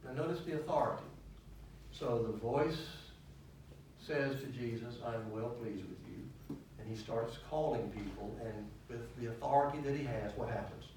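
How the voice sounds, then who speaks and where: A man leading a church Bible study, animated and asking his listeners questions as he teaches. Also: medium pitch, normal speed, a little hiss or hum. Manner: animated, asks questions of the class. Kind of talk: teaching sermon. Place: church hall. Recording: echoey hall, mic at a distance.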